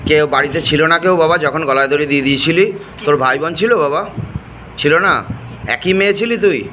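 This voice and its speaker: Gently coaxing man, soft questioning. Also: a little high, fast, slight background noise. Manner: soft, coaxing, repeats endearments. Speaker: assistant at an exorcism ritual. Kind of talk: coaxing questioning of a possessed person.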